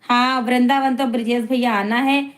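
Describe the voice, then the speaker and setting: High-voiced chatty woman live streamer. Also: steady tone, moderate pace. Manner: chatty, teasing, laughs often. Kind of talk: live-stream chat, reading viewer comments aloud.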